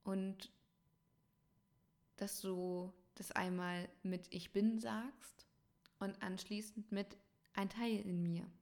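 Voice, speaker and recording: A woman speaking as a coach in an unhurried, thoughtful way, leaving pauses between phrases. Her voice sits at a middle pitch, and she speaks straight to the listener with calm, measured care. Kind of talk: reflective spoken talk to listeners.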